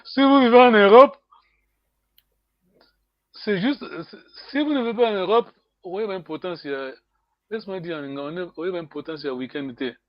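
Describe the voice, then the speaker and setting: Guy with a high voice teaching a language lesson on a video call, slow and careful, dull dry audio. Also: no echo. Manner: slow, deliberate, mixes in English words.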